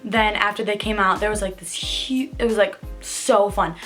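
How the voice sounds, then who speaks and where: A woman telling a casual storytime vlog, filling her talk with "like" and getting excitable when she quotes people. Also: moderate pace, faint music behind. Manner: chatty, filler-heavy telling with many "like"s; excitable, jumps high when quoting voices. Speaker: vlogger.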